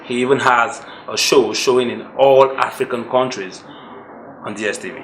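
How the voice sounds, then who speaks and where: A man's voice: medium pitch, normal speed, a bit bright, a little hiss or hum. A man hosting an interview, eager and encouraging, often reacting with "wow". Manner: enthusiastic, frequent "wow" and "yeah". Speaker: interviewer host. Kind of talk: show host interviewing. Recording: echoey room with faint background.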